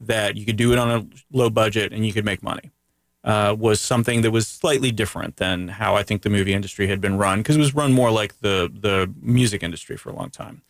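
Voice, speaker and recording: Gravelly-voiced joking radio host. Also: male voice, on the low side, brisk, dry recording. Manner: joking, rambling, easygoing. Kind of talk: casual radio chat.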